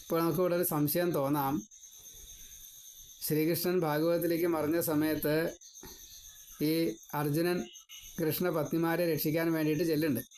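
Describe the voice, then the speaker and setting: A man giving a devotional scripture discourse, retelling and explaining the story in a measured, storytelling manner. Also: on the high side, level tone, a little mellow, rough recording. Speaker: scripture teacher.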